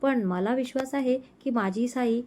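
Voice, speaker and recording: A woman voicing a tender, reassuring young man who speaks gently and unhurriedly to his fiancée. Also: on the high side, normal speed, lightly acted.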